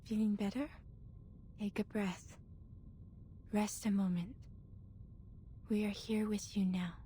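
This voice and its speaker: A low, soft woman's voice, calming and near a whisper. She speaks slowly and tenderly, as an actress plays her in a game. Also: slight background noise, lightly acted. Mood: soothing.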